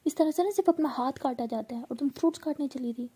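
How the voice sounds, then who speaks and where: A woman voicing a fussy young college woman who scolds loudly and in a rush, exasperated. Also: sits high, fairly even intonation, fast, pitched above the performer's own voice, natural voice. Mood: scolding.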